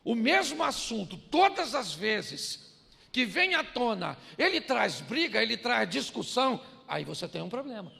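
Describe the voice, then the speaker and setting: A man's voice: extremely high pitch, sing-song, measured pace, gravelly, sharp tone. An older man, preaching a humorous sermon, joking and acting out household dialogues. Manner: jokey, acts out household dialogues, laughs often. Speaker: pastor. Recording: long reverb of a large hall.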